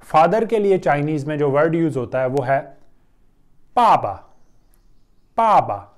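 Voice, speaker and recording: A man's voice: a little high, lively intonation, a little mellow. A man with an Urdu accent teaching a Chinese pronunciation lesson in a patient, explanatory way. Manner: patient, explanatory, drawn-out pauses and fillers. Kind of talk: online language lesson.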